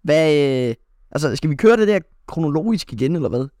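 A man's voice: a little high, sing-song, darkish tone, dry recording, studio quality. A young man co-hosting a podcast, telling a rambling story in casual chat, full of fillers and restarts. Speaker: podcast co-host.

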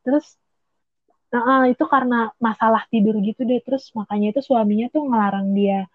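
A young woman chats casually, rambling and restarting her sentences in slang. Her voice sits a little high. It comes through a tinny, phone-like line with a dry sound. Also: fairly even intonation, brisk, no echo. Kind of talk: casual chat.

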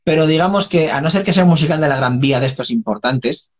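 A man's voice: on the high side, quick pace. A man, a singer chatting casually and telling stories with laughs and frank swearing. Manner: lively storyteller, laughs and swears freely. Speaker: singer and dub voice guest. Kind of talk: casual chat.

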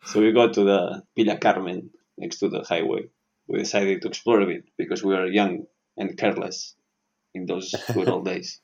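Gravelly low-voiced male co-host. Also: flat delivery, moderate pace, a little mellow, dull audio. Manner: laughing, loose storytelling. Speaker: podcast co-host. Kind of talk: casual storytelling.

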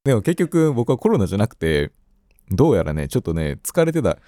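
A man's voice: fairly low pitch, sing-song, fairly quick, crowd noise. A man hosting a radio corner, chatting in an easygoing storytelling way. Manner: easygoing storyteller, acts out quoted phone talk. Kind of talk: casual radio chat.

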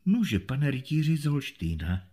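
A man doing a dignified, defiant castle lady. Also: medium pitch. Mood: firm. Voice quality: calm, measured. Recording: faint music behind.

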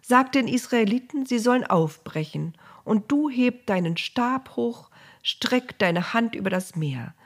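A woman's voice: a little high, lively intonation, a little slow, husky, pitched above the performer's own voice, exaggerated voice. A woman voicing God, giving firm commands to a leader. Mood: commanding. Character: commanding divine male voice.

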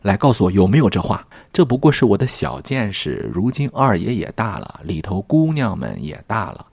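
A low, husky man walks viewers through a classic novel, his pitch swinging widely as he acts out the dialogue. He talks directly to his audience, and the sound is close and dry. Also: moderate pace, dry recording. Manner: animated, reads quoted dialogue dramatically, talks to viewers directly. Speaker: literature commentator. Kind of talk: storytelling commentary on a classic novel.

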